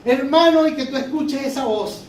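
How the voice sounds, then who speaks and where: High-voiced preacher in echoey hall. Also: male voice, normal speed. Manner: fervent, repetitive preaching. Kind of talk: sermon. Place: church hall. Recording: echoey church hall, mic far off.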